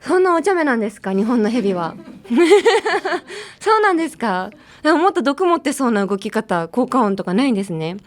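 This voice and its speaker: A young woman, an English teacher, hosts a bilingual English lesson, switching between English and Japanese in a chatty, playful way. Her fairly high voice has a sing-song lilt and moves at a moderate pace.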